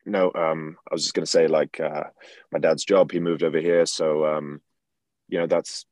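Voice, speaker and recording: A young man from England, a guest in a casual interview, talking in a relaxed, rambling way with lots of fillers. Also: rumbling low, normal speed, no echo, rough recording. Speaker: guest, clothing brand founder.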